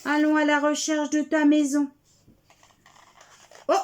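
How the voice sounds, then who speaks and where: Woman reading a kids story, really high voice, slow and gentle. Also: completely flat delivery. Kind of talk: children's story read aloud.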